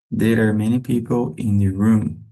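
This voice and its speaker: A man teaching English to beginners. He reads each short sentence twice, slowly and clearly. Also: on the low side, dark tone, low-quality recording. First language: Portuguese. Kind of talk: slow repetition drill for beginners.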